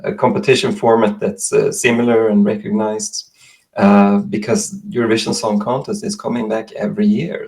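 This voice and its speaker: Man, Swedish accent, low gravelly voice, measured explanatory interview guest. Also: a little mellow. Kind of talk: interview answers.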